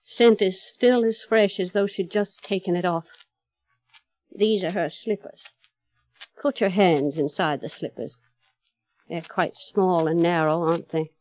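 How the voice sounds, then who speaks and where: This is 1930s radio drama acting in a muffled old recording with music. A female performer with a lowish voice and darkish tone, acting lightly, speaks slowly and deliberately as a menacing housekeeper fixated on her late mistress. Her mood is coldly insinuating.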